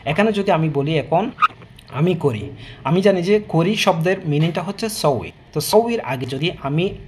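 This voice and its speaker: A man's voice: fairly high pitch, expressive, normal speed, background noise. A man teaching an online language lesson, explaining patiently with fillers and restarts and often checking in with listeners. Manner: explanatory, repeats words, many fillers and restarts.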